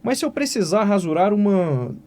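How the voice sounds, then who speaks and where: Lively Brazilian teacher asking himself questions. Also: male voice, high-pitched, moderate pace. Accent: Brazilian Portuguese. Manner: lively, asks and answers his own questions. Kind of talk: exam-prep writing lesson.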